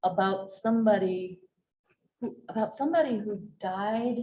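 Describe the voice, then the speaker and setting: A woman leading a casual book club discussion, haltingly searching for her words. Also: medium pitch, warm tone. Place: indoor room at a book club meeting. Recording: dull recording with faint noise.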